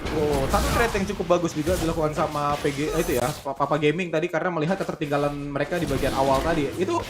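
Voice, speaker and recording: A man with a colloquial Jakarta Indonesian accent delivers excited, analytical game commentary, full of exclamations and English gaming terms. His voice is a little high and his pace races.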